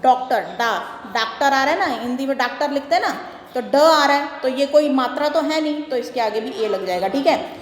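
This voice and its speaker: Woman teacher, high voice, patient explaining, slow read-aloud sentences, long echoey reverb. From Delhi, India. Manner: patient, repeats and checks understanding; reads example sentences slowly, word by word. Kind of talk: worksheet lesson explanation. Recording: roomy echo with long reverb.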